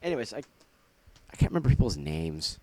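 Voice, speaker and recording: A man's voice: lowish voice, sing-song, moderate pace, a little mellow. A man casually showing off his laserdisc collection, jokey and rambling, with puns and asides. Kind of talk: casual show-and-tell vlog.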